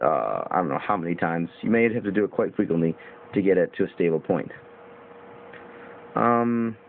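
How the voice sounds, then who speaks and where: A man's voice: on the low side, gravelly. A young man reviewing a knife on camera in casual, rambling talk with fillers and the odd swear word. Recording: tinny phone-like audio with faint hiss.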